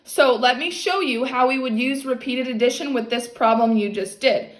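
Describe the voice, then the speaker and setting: A woman with a high-pitched voice and normal pace works one-on-one with a child as a maths tutor. She goes step by step, keeps her tone encouraging and often checks for understanding, captured in an echoey, roomy recording.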